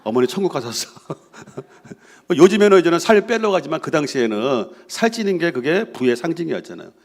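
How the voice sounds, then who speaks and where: Man, pastor, sermon, lively rising and falling voice, slightly high pitch. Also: a little fast, gravelly. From Korea. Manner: animated, acts out voices of doubters and mockers; asks the congregation questions and answers with "예".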